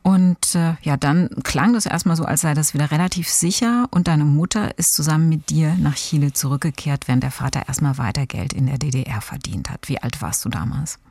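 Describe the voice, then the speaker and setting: Low-voiced woman interviewer, dry sound. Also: fairly quick, hardly any pauses, darkish tone, dry recording. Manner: attentive, asks probing questions. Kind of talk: interview conversation.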